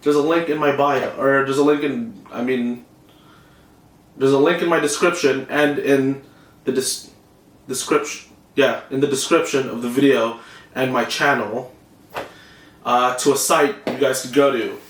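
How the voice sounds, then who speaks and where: A young man talks through a writing tutorial in a loose, unscripted way, leaning on "um" and "right?" as he goes. He keeps apologizing and trailing off into low mutters. His voice sits at an ordinary male pitch. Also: steady tone, unhurried, pauses often. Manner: rambling, full of fillers and "right?". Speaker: copywriter teaching script writing. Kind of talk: casual screen-share tutorial.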